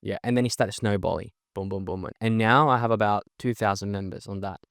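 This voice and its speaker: A young man from Chile, a native Spanish speaker with a mixed Spanish and Australian accent, is a podcast guest and networking event organizer. His creaky voice sits on the low side, and he talks fast and emphatically, often adding "right?" during the energetic, casual interview. The recording is clean studio sound, and dry.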